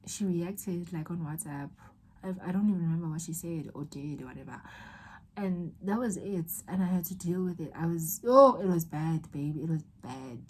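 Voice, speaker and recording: A woman's voice: fairly low pitch, normal speed, breathy edge. A young woman in an emotional, rambling confessional vlog, talking straight to her viewers as girl and babe. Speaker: vlogger.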